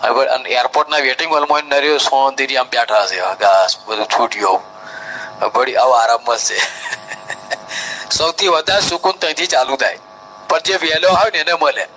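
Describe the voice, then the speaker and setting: Bright-voiced Gujarati man giving instructions. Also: medium pitch, brisk, a little hiss or hum, poor audio. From India. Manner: instructive, step-by-step, mimics crowds. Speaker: Hajj trainer. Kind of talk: live training talk.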